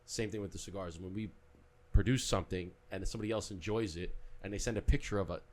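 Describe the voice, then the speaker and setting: A man's voice: deep voice, steady tone, fast talker, a little mellow. A man hosting a podcast, chatting casually and earnestly encouraging his guest. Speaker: podcast host. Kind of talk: casual conversation.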